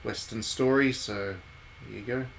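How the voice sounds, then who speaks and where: Streaming a visual novel, a man with a fairly low, creaky voice offers measured, casual live commentary, rambling and musing aloud. The audio is poor, with a steady hum of background noise.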